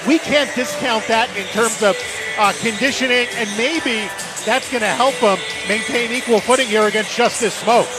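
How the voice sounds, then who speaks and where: A man calling a fight play-by-play in a raised, excited, shouting voice. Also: very high voice, normal speed, loud music behind the voice, over a noisy crowd. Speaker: play-by-play commentator.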